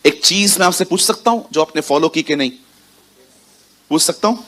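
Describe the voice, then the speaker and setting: A man's voice: fairly high pitch, moderate pace, a bit bright. A young man preaching a sermon, talking in a chatty way and often putting questions to the congregation. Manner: conversational, quizzes the congregation, mixes in English words. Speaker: pastor.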